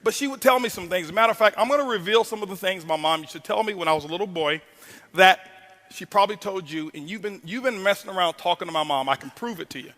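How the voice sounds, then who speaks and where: Guy doing a motivational speech, high voice, punchy call-and-response with the crowd, big hall echo. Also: fast talker. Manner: animated, teasing the audience with call-and-response. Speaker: motivational speaker. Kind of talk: motivational stage talk. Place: large hall before a live audience.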